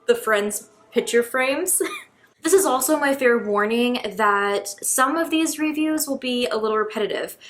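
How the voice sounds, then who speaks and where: A woman's voice: mid-range voice, a bit bright. A young woman chatting casually through a book review vlog, with lots of ums and likes.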